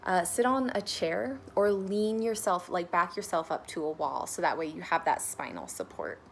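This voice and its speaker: A woman leading a guided meditation in a relaxed, conversational way, with casual fillers and the odd soft laugh. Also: on the low side, normal speed, gravelly, a little hiss or hum. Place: home, sitting on folded blankets.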